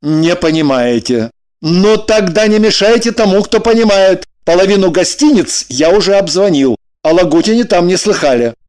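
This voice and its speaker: A man's voice: high-pitched, expressive, moderate pace, darkish tone. A man voicing a dry, sardonic man in an audiobook, matter-of-fact and mocking.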